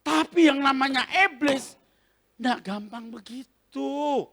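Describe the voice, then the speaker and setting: A male pastor preaching a sermon with animated storytelling, often laughing and acting out scenes, in a convention hall. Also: extremely high pitch, slow. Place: large convention hall, Christmas service.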